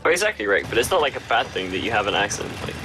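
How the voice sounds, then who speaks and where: A man's voice: fairly low pitch, sing-song, rapid-fire, noisy background. A man with a British accent chatting casually with dry humor and casual swearing. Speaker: co-commentator. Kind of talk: casual chat.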